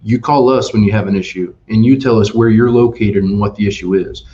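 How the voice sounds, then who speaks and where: An emphatic male RV salesman who talks in a low voice with many restarts, telling customer stories as a webinar guest. The audio is dull and lo-fi, as webinar sound often is. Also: fairly even intonation, brisk, warm tone. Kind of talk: storytelling sales talk. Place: Ohio dealership office.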